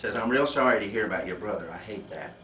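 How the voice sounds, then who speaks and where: Speaking quickly and cracking up often, this male family storyteller has a fairly low voice and keeps things lively while he shares stories and reads out a letter to relatives. Sound quality is lo-fi: distant, echoing, muffled as if through a phone, and cluttered with room noise.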